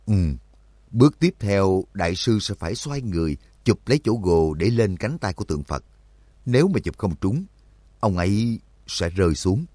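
An earnest expedition leader, voiced by a male narrator speaks urgently while the others watch a climb. The deep voice rises slightly with concern, recorded close and dry. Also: sing-song, moderate pace, warm tone, dry recording. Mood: worried.

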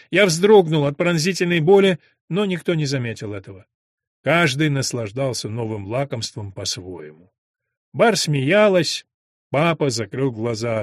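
A man's voice: dry recording, studio quality. A man narrating a story in the first person, lifting his voice a little for the characters' lines. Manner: reads character lines with small shifts in pitch and loudness. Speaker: audiobook narrator. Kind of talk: scripted narration.

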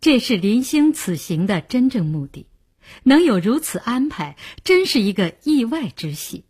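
Breathy female audiobook narrator. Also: fairly high pitch, sing-song, unhurried, darkish tone. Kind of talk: scripted narration.

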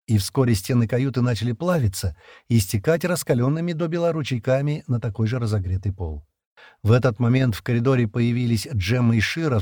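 A man narrates a science fiction audiobook with a dramatic, expressive delivery. His voice is husky and dark with lively swings in pitch, recorded dry and close. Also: dry recording. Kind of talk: scripted sci-fi narration.

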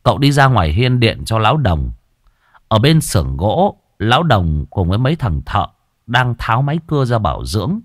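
Lively, low-voiced male storyteller. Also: normal speed, no echo, studio quality. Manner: lively, expressive telling. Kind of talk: story narration.

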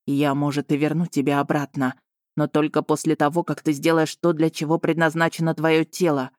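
Audiobook: woman reading a cold, possessive dragon lord, menacing and hissing, lowish voice. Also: little pitch movement, brisk, darkish tone, no echo, clean studio sound, natural voice.

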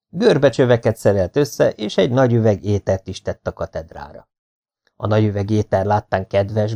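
A man reading a memoir aloud as an audiobook, telling it lively and acting out the people in its scenes. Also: lowish voice. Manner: lively storytelling, acting out the voices in the dialogue. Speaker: audiobook narrator.

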